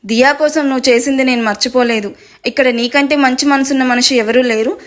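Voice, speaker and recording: A woman voicing a kind young husband who speaks gently and coaxingly in a storybook reading. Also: high voice, fairly even intonation, fairly quick, close to an everyday voice. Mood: gentle. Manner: warm and coaxing.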